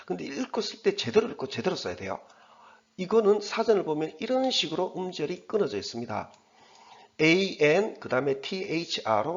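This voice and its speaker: A middle-aged man teaching English, explaining slowly and patiently with many fillers and spelling words out letter by letter. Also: fairly high pitch. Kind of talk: lecture on English grammar and vocabulary. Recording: dull lo-fi recording.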